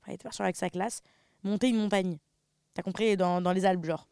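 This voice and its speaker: A woman's voice: medium pitch, steady tone, quick pace, creaky, smooth, dry recording, clean studio sound. A young woman, co-hosting a jokey casual chat. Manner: jokey, bursts into loud laughing exclaims. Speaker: co-host.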